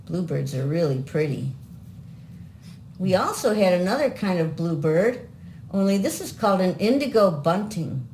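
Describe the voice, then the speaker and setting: A woman's voice: lowish voice, big pitch swings, moderate pace, darkish tone. An older woman hosting a children's show, talking to young viewers with simple questions. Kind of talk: kids show host teaching colors. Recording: home recording with clear background noise.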